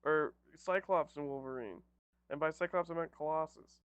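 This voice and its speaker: Brief: tabletop player, self-mocking and jokey, mid voice, dry mic. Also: male voice, a little high, fairly quick, smooth, dry recording, muffled recording. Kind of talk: casual tabletop play.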